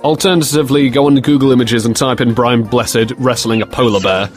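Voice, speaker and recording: Young British male co-host, rambling comic delivery, mid pitch, light music bed. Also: steady tone, a little fast. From Britain. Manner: jokey, rambling, many fillers and restarts. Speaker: co-host of a fan series Q&A. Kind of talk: casual Q&A chat.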